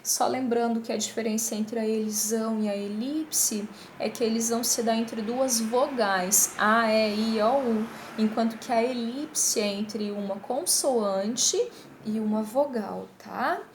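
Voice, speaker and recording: Woman teacher, higher voice, patient explainer, recorded in an echoey room. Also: fairly even intonation. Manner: explains step by step, checking in with "tá?"; slows down to read example lines aloud. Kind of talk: recorded online class. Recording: echoey room with faint hiss.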